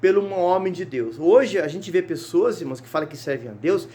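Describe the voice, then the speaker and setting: In a church sanctuary, an evangelist preaches a fervent sermon on a Bible chapter, reading verses aloud and often crying out hallelujah and brothers. He repeats words and restarts while reading. His voice sits high and is animated, brisk, and mellow.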